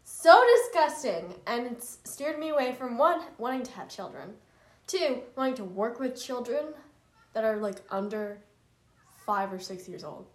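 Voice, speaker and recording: A young woman with a fairly high voice chats loosely, rambling and circling back with plenty of fillers. She sounds like she is in an echoey room during a casual family podcast. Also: moderate pace. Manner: chatty, rambling with many fillers. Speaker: podcast co-host.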